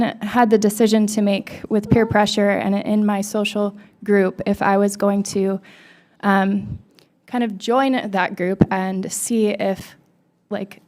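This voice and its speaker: A woman's voice: mid-range voice, a little mellow. Emotional young mother testifying. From Hawaii. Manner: emotional, conversational, with fillers like "you know". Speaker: testifier at a public hearing. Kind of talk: personal public testimony. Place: legislative hearing room. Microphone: podium microphone.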